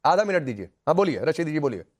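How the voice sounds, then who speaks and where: A man's voice: fairly high pitch, sing-song, fast. A man anchoring a heated TV news debate, pressing a guest and repeatedly cutting in to keep order.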